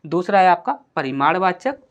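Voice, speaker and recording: With a lowish, animated voice, a woman teaches grammar for exam preparation. She answers her own questions and reads example sentences in a slow, deliberate way.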